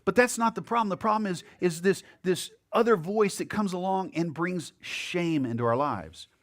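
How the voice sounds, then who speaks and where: A man preaches a sermon to his congregation on a church mic, in a conversational, lively way. His voice sits a little higher than most men's. He keeps breaking off to talk directly with the people in the pews. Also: moderate pace. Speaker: pastor. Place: church sanctuary. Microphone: handheld or headset mic.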